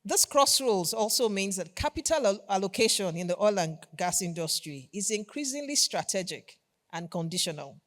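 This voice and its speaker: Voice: medium pitch, expressive, normal speed, a bit bright. Polished, enthusiastic Nigerian corporate keynote speaker. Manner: polished corporate enthusiasm, emphatic repetition of key phrases. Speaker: company executive giving keynote address. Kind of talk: formal conference keynote speech.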